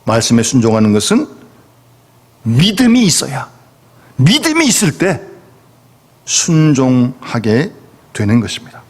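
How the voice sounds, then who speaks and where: A man's voice: mid-range voice, wildly swooping pitch, a little slow, pauses often. A male pastor preaching a sermon emphatically, with rhetorical questions to the congregation. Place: church sanctuary. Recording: reverberant church hall.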